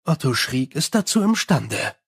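A man voicing a gruff, guarded female werewolf sergeant in an audiobook, curt and growling. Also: on the high side, big pitch swings, unhurried, no room sound, studio quality, exaggerated voice. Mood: curt suspicious. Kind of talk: audiobook character voice.

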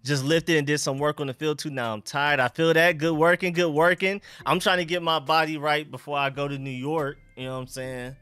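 On the high side and a little fast, this young man's voice barely pauses, with fairly even intonation and a sharp, clean tone without echo. He hosts a casual sports livestream, greeting viewers in slangy, informal chat with repeated greetings and catchphrases, his speech slightly hindered by a dental retainer.

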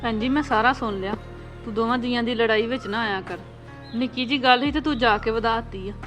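Outspoken aunt, played by a woman, firm and lecturing, rapid delivery. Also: fairly high pitch, fairly bright tone, soft background music, natural voice. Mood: stern. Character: wise outspoken aunt who lectures the family. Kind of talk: amateur family drama.

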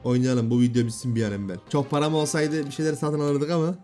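A man in his thirties at home giving casual gameplay commentary, bantering and often shouting at his kids. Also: a little high, steady tone, fast talker, soft background music. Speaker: gaming YouTuber and father. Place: home room.

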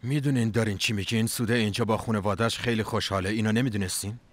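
A man's voice: lowish voice, fairly even intonation, close to an everyday voice. A man dubbing a drama role, questioning skeptically. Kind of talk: dubbed TV drama dialogue.

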